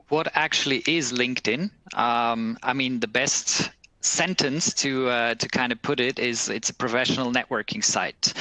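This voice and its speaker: Bright-toned man presenting. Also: medium pitch, dry recording, low-quality recording. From Bern, Switzerland. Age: 30s. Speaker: recruiter. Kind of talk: webcast presentation. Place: office.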